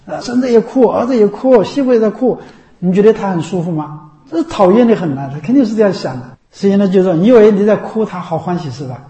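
A man with a high, mellow voice gives a Buddhist dharma talk in a relaxed, conversational way. He keeps asking his listeners rhetorical questions and slips into the voices of the people he quotes. The sound is roomy, with a clear echo. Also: fast. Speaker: Buddhist monk teacher. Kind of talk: dharma talk to lay followers.

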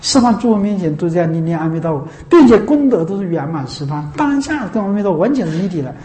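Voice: mid-range voice, sing-song, quick pace, warm tone. A Buddhist monastic giving a dharma talk, repeating rhetorical questions, laughing now and then and chanting the Buddha's name. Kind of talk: dharma talk to a seated audience. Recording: echoey room.

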